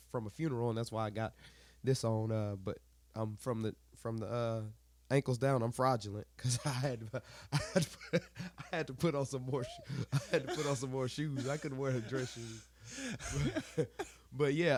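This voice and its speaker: A man's voice: mid-range voice, normal speed. Congested man with a worn voice. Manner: rambling, self-correcting, laughs often. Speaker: podcast co-host, worship leader. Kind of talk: casual chat.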